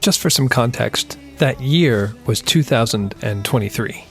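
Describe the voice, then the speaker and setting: A man's voice: mid-range voice, measured pace, a bit bright. A man with a Northwestern United States accent, narrating his own music podcast as host and producer, explaining things with friendly asides.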